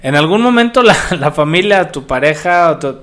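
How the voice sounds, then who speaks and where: Man explaining calmly, slightly high voice. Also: moderate pace. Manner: explanatory, adds jokey asides. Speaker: podcast co-host. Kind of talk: casual chat.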